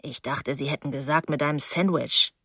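A woman voicing a moody, stubborn young man who answers curtly in a lowered voice. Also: lively intonation, normal speed, slightly rough, dry recording, clean studio sound, exaggerated voice. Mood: sulky.

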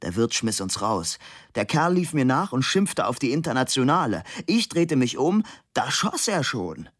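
A man reading an audiobook voices a stocky young worker who has been shot, shouting and bitter. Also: mid-range voice, very animated, normal speed, breathy edge, voice pushed up. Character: young stocky male worker, wounded and furious.

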